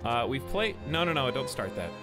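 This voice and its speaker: Here a man with a cold casually chats with his audience while live-streaming a game from home, using a desk mic. His medium-pitched voice is sing-song and moves at normal speed, and he greets viewers and jokes as faint game music plays.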